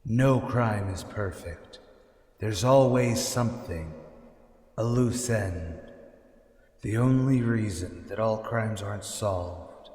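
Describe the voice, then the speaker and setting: Drenched in long echoing reverb, a mysterious avenger from the shadows. He speaks very slowly in a lowish voice, with theatrical menace, like classic radio drama. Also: darkish tone. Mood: commanding. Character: mysterious invisible male avenger lurking in shadows. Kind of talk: old-time radio drama acting. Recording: echoey, long cavernous reverb.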